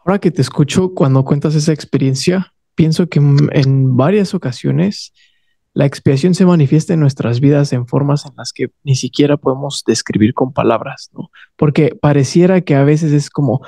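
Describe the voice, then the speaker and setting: A man's voice: fairly high pitch, mellow, dry recording. A man, co-hosting and reflecting thoughtfully, often checking in with "¿no?". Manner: thoughtful, often ends phrases with "¿no?". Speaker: podcast co-host. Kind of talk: reflective casual conversation.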